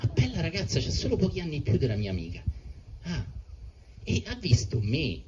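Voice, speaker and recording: A man voicing a naive, eager young son who excitedly tells his father his adventures. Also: a little high, fairly quick, voice pushed up. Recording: muffled with steady background noise.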